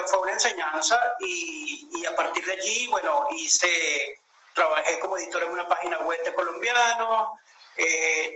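A man's voice: high-pitched, sharp tone, roomy sound, a little hiss or hum, low-quality recording. A man in his late thirties with a Venezuelan accent, a guest telling his story in a reflective way with many hesitations over a video call. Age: 30s. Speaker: interview guest.

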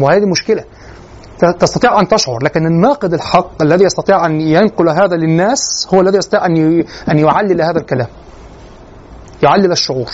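Guy teaching a poetry class, talks quick, keeps asking if it's clear, dull lo-fi sound. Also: sits high, darkish tone. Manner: questioning, often asks the class if it is clear. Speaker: lecturer.

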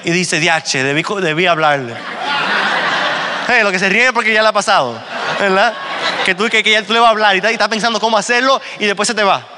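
A man's voice: sits high, steady tone, brisk, pauses often, noisy background. A man giving a motivational talk at a business meeting, telling stories and often checking in with his listeners. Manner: storytelling, often asks "¿verdad?". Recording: long hall reverb.

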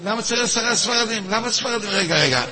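A man's voice: high-pitched, a faint crowd. A man teaching a weekly religious class, acting out both sides of a debate and firing questions at his listeners. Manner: animated, acts out both sides of a halachic dispute; repeats words, asks the audience questions. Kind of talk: lively Torah lesson with a class.

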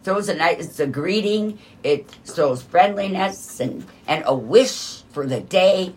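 A cheerful woman co-hosting casual morning radio banter. Her voice sits a little low but swings widely in pitch. She breaks into sing-song greetings as she talks. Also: animated, a little slow, darkish tone. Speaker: radio co-host.

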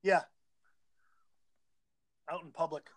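A man's voice: on the high side, steady tone, slow, dry recording. A man co-hosting a casual chat, teasing and stubbornly arguing his side. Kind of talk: casual banter.

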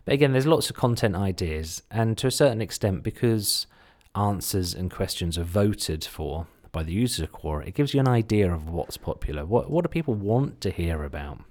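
A man's voice: low voice, animated, moderate pace, hardly any pauses, darkish tone. A man with a slight Suffolk English accent giving a casual instructional podcast talk, chatty and full of self-deprecating asides. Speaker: podcast host, content marketer.

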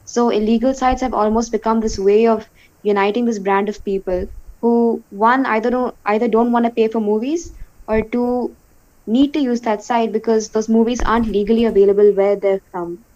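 A young woman from India talks through her points at length, often repeating words as she restarts. Her voice sits fairly high, and the recording sounds dull and lo-fi. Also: steady tone, normal speed, dark tone. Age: young adult. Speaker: podcast co-host. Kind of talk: casual discussion.

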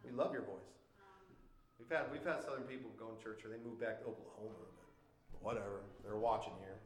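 A man with a Minnesotan accent preaching a sermon as pastor in a church, conversational and animated, with frequent asides. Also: on the low side, fairly quick, reverberant, low-quality recording. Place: church sanctuary.

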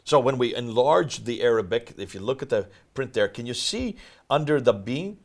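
A man's voice: mid-range voice, lively intonation, normal speed, a little mellow. A man hosting a discussion, explaining texts in an emphatic, teacher-like way. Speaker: host.

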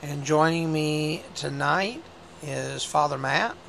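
Hoarse male bishop host with a gravelly, higher voice and a laid-back delivery. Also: slow, a little hiss or hum. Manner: relaxed, conversational, with frequent fillers. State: hoarse from a cold. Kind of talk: casual religious talk show.

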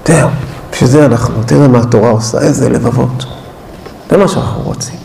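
A man's voice: mid-range voice, gravelly, mellow, roomy sound, slight background noise, rough recording. A man preaching a Hanukkah sermon with passion, pressing his point through rhetorical questions. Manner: impassioned, full of rhetorical questions.

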